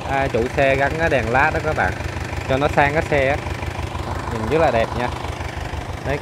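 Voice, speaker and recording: A man with a Southern Vietnamese accent, a used car dealer giving a casual walkaround of a vehicle in a chatty, upbeat sales patter. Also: mid-range voice. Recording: engine noise and ambient clatter. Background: idling car engine.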